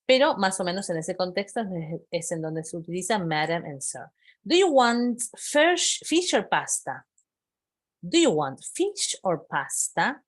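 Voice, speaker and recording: A woman's voice: lowish voice, husky. A woman teaching English vocabulary, patiently repeating phrases and checking in with her students. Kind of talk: explaining vocabulary to a class.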